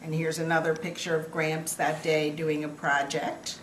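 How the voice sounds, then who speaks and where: Reminiscing casually over family photos, this older woman has a deep voice with little pitch movement and a fairly bright tone at normal speed. She comes across sweet and affectionate, like a loving grandmother, recorded in an echoey space with clear background noise.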